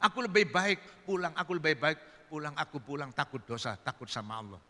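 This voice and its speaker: A man's voice: fairly high pitch, big pitch swings, brisk, sharp tone. A man voicing a timid, earnest pious young man in a comic sermon story. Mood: fearful. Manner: earnest, fearful pleading. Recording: echoey hall.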